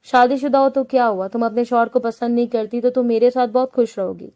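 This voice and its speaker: A woman's voice: a little high, fairly even intonation, dark tone, natural voice. A woman reading the part of a lovesick, pushy young man in a spoken novel, in her usual plain voice. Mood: pleading. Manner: pleading, insistent.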